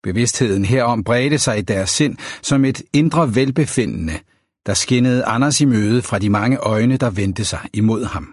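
A man reading a novel aloud as an audiobook narrator, in a measured, even storytelling manner. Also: mid-range voice, dry recording, clean studio sound.

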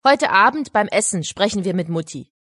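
A woman's voice: medium pitch, animated, a little fast, a bit bright, breathy edge, no echo, studio quality. A woman voicing a confident boy in a storybook reading, firm and matter-of-fact. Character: confident boy, older half-brother.

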